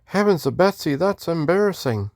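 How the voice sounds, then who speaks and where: A man voicing a cheery, sweet young woman from Texas in a high falsetto with a put-on Western drawl, reading game lines. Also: lively intonation, moderate pace, a little mellow, no echo, clean studio sound. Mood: chatty. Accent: Texan Western drawl, put on. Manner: high falsetto, folksy and chirpy.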